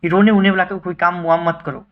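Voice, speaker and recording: A man's voice: high voice, level tone, fast, dull audio. A man voicing an adult male poet who patiently coaxes and reassures his wife. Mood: reassuring. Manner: coaxing, explaining patiently.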